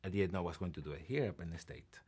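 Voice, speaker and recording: A man's voice: low-pitched, animated, fast, darkish tone, husky. A man, a professor talking earnestly in an interview, often repeating words as he restarts. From Venezuela. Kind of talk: conversational interview.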